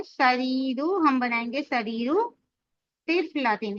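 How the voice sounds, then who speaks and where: A woman's voice: high-pitched, a bit bright, no echo, lo-fi sound. A woman teaching an Arabic grammar lesson, explaining step by step and quizzing her students as she goes.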